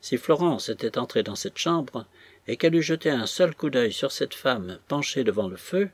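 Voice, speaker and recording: A male audiobook narrator reads a classic novel with measured, dramatic pacing. His voice is husky and a little breathy, of middling pitch, and recorded dry and close with no room around it. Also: expressive, dry recording. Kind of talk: scripted storybook narration.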